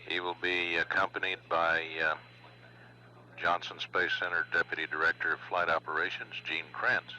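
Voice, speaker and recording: A man giving formal, measured spaceflight status commentary as a mission control announcer, with hesitant pauses. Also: low voice, level tone, bright, forceful tone. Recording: dull lo-fi broadcast, faint hum.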